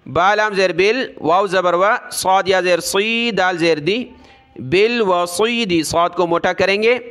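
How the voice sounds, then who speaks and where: A man teaching Quran recitation letter by letter, spelling out letters and vowel marks, explaining pronunciation rules, and chanting the verses slowly. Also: sits high, a bit bright, faint music behind.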